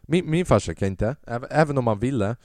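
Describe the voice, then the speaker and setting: A young man hosting a solo comedy podcast, telling stories in animated bursts, acting out other people's voices and swearing freely. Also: mid-range voice, no echo, studio quality. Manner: animated storytelling, acts out his father and others in loud bursts, swears freely. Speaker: podcast host.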